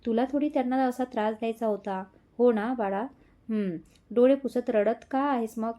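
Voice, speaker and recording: A woman voicing a caring young woman friend who comforts and gently scolds. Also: fairly high pitch, moderate pace, close to an everyday voice. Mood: soothing. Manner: soothing, a little scolding.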